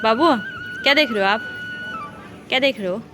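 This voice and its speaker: A woman's voice: fairly high pitch, normal speed. Young mother vlogging, music playing behind. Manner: coaxing baby talk to her toddler. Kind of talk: casual family vlog narration.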